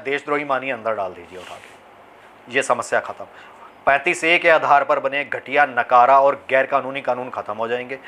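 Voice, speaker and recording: A man's voice: medium pitch, fairly bright tone. A man delivering an opinion monologue, asking pointed rhetorical questions and rising to emphatic outbursts. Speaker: commentator.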